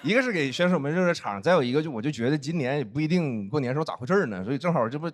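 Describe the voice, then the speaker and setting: A man's voice: a little high, expressive, very fast. A man doing stand-up on stage, telling stories and acting out his friends' teasing. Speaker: stand-up comedian and head writer. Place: stage before a live audience. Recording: stage mic with audience laughter and noise.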